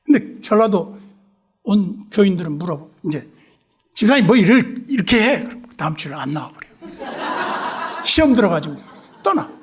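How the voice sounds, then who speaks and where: A man preaching a revival sermon in a church, telling stories animatedly and acting out both sides of dialogues, dropping to hushed asides. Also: sits high, big pitch swings, moderate pace, pauses often, husky. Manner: drops to hushed whispers for asides. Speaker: pastor. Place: church sanctuary.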